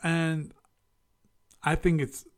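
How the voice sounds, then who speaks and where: Man, higher-pitched voice, casual host, musing, self-correcting. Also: level tone, extremely slow. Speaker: podcast host. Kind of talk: casual solo review and chat.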